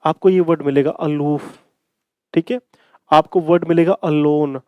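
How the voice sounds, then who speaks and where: A man's voice: on the high side, steady tone, unhurried, clear, resonant tone, no echo, dull audio. A man teaching an exam-prep English grammar lesson, repeating key phrases and answering his own questions. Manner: calls students "bhai".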